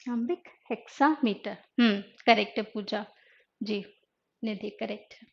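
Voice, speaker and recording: A woman's voice: medium pitch, creaky. A woman English teacher giving an online exam-prep lecture. She mixes Hindi and English and explains by asking questions and then answering them herself. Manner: reads poetry slowly and deliberately. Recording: dull lo-fi online class audio.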